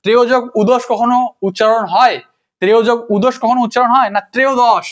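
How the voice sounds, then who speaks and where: A man's voice: very high-pitched, steady tone, fast talker. A man teaching a grammar lesson to students, repeating words, asking rhetorical questions and correcting his own slips. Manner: self-correcting, apologizes for slips. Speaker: grammar tutor. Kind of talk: informal classroom lesson, addressing students. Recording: dull lo-fi recording.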